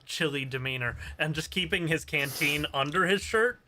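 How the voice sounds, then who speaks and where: A man's voice: on the high side, normal speed, over a noisy crowd. A man playing in a tabletop game, making dry, quippy asides. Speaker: player.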